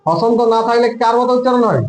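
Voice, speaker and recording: A man's voice: very high voice, fast talker, darkish tone, reverberant, a little hiss or hum, low-quality recording. A man teaching a classroom grammar lesson, drilling his students with repeated questions and answers.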